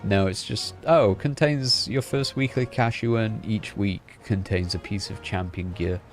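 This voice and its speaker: A man streaming games, chatting and thinking aloud in a relaxed way. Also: lowish voice, unhurried, faint music behind. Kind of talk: casual reaction livestream.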